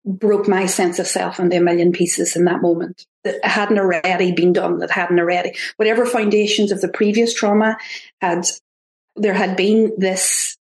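A woman with an Irish accent, a podcast guest talking in an earnest, halting way with frequent restarts. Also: on the low side, fairly even intonation. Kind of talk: reflective interview talk. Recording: roomy echo.

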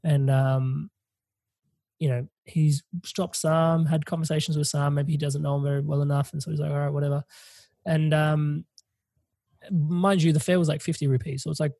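Young guy, husky, slightly high, chatty storyteller, dry close sound. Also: normal speed, no echo. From from overseas, visiting family in India. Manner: animated, swears and laughs mid-story. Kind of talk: casual storytelling chat.

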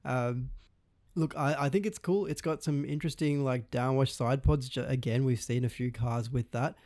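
Australian male podcast co-host, upbeat joker, mid pitch, dead-dry mic. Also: steady tone, moderate pace, a little mellow, no room sound. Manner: jokey, upbeat, often starts with "look". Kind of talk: casual chat.

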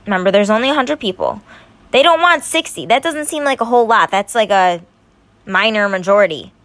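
A young woman talks straight to her viewers, breaking down the news in her own casual words. She gets heated and emphatic, stumbling and repeating herself as she works herself up. Her voice sits at an ordinary middle pitch. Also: a little fast, fairly bright tone, no room sound. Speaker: political commentary vlogger. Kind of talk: casual opinion commentary.

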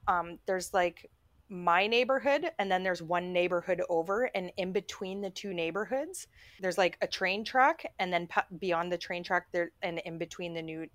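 A woman co-hosting a podcast, telling a story in a casual chat, full of "like" fillers and lively when quoting others. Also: lowish voice, normal speed, no echo. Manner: chatty, many "like" fillers, animated when quoting. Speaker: podcast co-host.

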